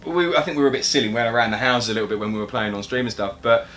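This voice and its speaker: A man's voice: mid-range voice, racing, a bit bright, soft background music. A young man co-hosting a casual gaming chat, laid-back and agreeable with a dry manner. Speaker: co-host of gaming chat show.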